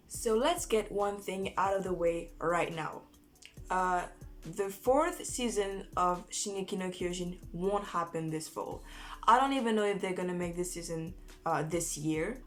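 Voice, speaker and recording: A woman chatting casually as an anime vlogger through a face mask, informal and halting, often correcting herself as she goes. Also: lowish voice. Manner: informal, halting, self-correcting with false starts. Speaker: anime review vlogger and host. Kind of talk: casual chat to camera, listing recommendations.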